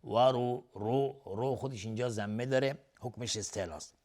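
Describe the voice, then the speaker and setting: Male tajweed teacher explaining rules. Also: medium pitch. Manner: explains rules plainly, then chants verses slowly and louder. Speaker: Quran recitation teacher. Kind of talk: tajweed lesson with chanted recitation.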